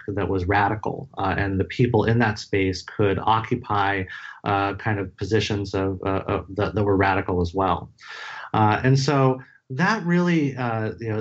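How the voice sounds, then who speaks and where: Low-voiced man, halting, in dull audio. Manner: halting, thoughtful, frequent "right?" tags. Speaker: guest, author. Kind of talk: conversational academic explanation.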